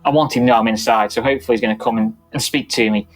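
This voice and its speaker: A middle-aged man, a police officer recounting a night shift in a documentary interview, in a steady, matter-of-fact way. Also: medium pitch, very fast, soft background music, rough recording.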